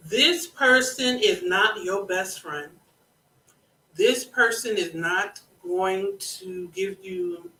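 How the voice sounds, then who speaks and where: An unhurried consultant talks through government contracting step by step, hammering key points home with a bright, forward tone. A scratchy throat keeps interrupting with small clears. The voice sits back from the mic in an echoey room. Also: mid-range voice, far from the mic. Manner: deliberate, instructive, repeats points for emphasis. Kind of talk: live educational monologue. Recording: roomy echo, speaking away from the mic.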